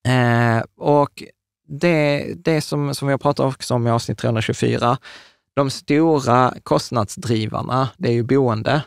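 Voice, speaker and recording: Speaking in a steady, gravelly yet clean mid-range voice, a thirty-something man co-hosts a podcast, eagerly explaining in a casual chat. His talk has restarts and fillers, and he gestures as he speaks. The setup is a large studio mic on a table stand in a small room, with no room sound.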